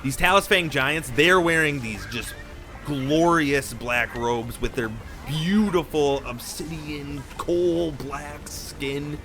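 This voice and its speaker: A man narrating a tabletop game as game master, relaxed and rambling. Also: a little high, slow, soft background music.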